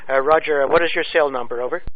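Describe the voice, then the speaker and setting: A man working as a race committee radio operator, talking in halting marine radio procedure with frequent fillers, heard over a crackly two-way radio transmission. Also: a little high. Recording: crackly narrow-band radio with static.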